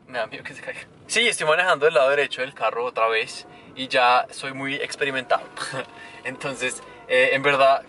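A man's voice: medium pitch, pushed and bright. Chatty Colombian man vlogging from his car. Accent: Colombian Spanish. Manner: chatty, playful, addressing viewers directly. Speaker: travel vlogger. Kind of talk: casual travel vlog. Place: small car while driving, and outdoors in town streets. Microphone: camera mounted on dashboard or held at arm's length. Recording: noisy road and street ambience.

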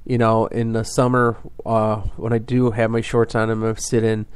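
A man's voice: fairly low pitch, monotone, normal speed, smooth, no room sound. A man hosting a fishing podcast, explaining things in a casual, rambling way full of fillers and restarts.

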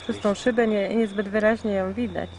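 A woman's voice: medium pitch, fairly even intonation, fairly quick, darkish tone. A woman talks in an easy, chatty way to her family, explaining things to the children as she goes. Her voice comes through the built-in camcorder microphone of an old VHS home video, with a faint hiss underneath. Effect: old VHS home video recording. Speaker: mother filming family at home. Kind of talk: casual family chat. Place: home, near a lizard tank.

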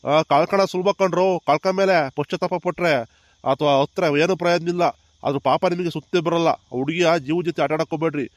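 Man playing a gentle old village grandpa. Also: on the high side, fairly even intonation, fast talker, no echo, natural voice. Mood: reasoning. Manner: soothing, reasoning. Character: kind old village grandfather, calm peacemaker. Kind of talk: cartoon comedy voice acting.

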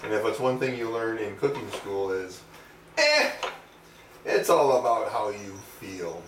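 A man's voice: on the low side, normal speed, slight background noise. A middle-aged man hosting a home cooking demonstration, talking casually with wry, self-mocking, rambling asides. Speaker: home cooking show host. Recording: roomy echo, distant mic.

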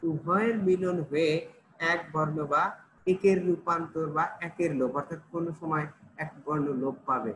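A man's voice: high-pitched, a little hiss or hum, low-quality recording. A man with a Bangladeshi Bengali accent teaching an online grammar class, explaining step by step and often checking that students follow. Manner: explains slowly, repeats and checks with "ঠিক আছে?".

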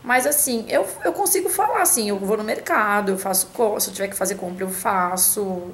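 A woman's voice: mid-range voice, fairly quick, fairly bright tone, slight background noise, low-quality recording. A woman from Brazil talking casually to camera at home, chatty and hesitant, with many restarts and fillers. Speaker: vlogger answering a tag.

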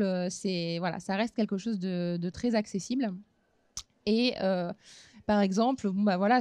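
A woman in her thirties giving a relaxed craft demonstration at a fair booth, talking casually with frequent hesitations. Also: medium pitch, dry recording. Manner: relaxed, chatty, many hesitant fillers. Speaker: craft instructor. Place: small trade-fair stage booth.

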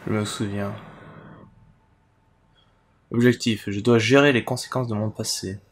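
A man's voice: fairly low pitch, fairly even intonation, a little slow, slight background noise. A man giving casual commentary as he plays a video game. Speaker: let's play host.

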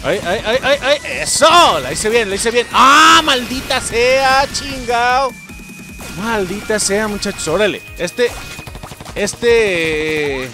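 A high-voiced man with a Mexican accent narrates his gameplay, his pitch swinging wildly as he cusses and shouts at the screen. Game music plays steadily behind him. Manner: excitable, swears and yells at the game. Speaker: gameplay streamer. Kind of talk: let's play commentary.

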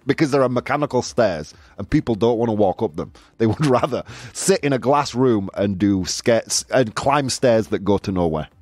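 This talk show host talks at a normal speed with a medium pitch and hardly any pauses, in a dry recording. On his casual live show he reacts to listener comments with animated, incredulous jokes, sprinkling in "dude" as he goes.

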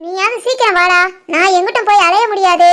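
A woman voicing a fussy, doting middle-aged village mother in an animated family story, with a southern Tamil Nadu accent. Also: very high-pitched, fairly quick. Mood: bossy. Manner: bossy, chatty.

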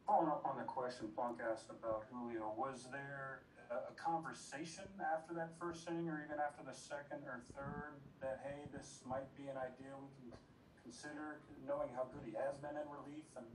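A man's voice: mid-range voice, fairly even intonation, normal speed, reverberant, distant mic, a little hiss or hum, low-quality recording. A man reporter asking longer, thought-out questions at a press conference.

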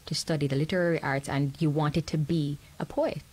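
A woman's voice: sits low, steady tone, brisk, a little mellow, slightly rough. A woman with a Jamaican accent hosting a radio interview in a small studio, upbeat and welcoming. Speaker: host. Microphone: studio microphone on a boom arm.

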